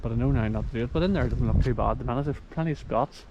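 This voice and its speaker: A man's voice: mid-range voice, rapid-fire, lo-fi sound. Northern Irish man, casual hiking vlog, thinks aloud mid-walk, handheld phone, heavy wind noise outdoors. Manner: chatty, thinking aloud while walking. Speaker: hiking vlogger. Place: outdoors on a wet, windy mountain trail. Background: wind and rain.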